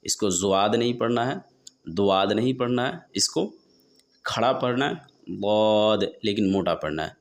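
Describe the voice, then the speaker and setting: A man teaching a tajweed pronunciation lesson, explaining how each letter is formed and repeating the sounds slowly and drawn out. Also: on the low side. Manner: asks and answers his own questions. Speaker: Quran recitation teacher.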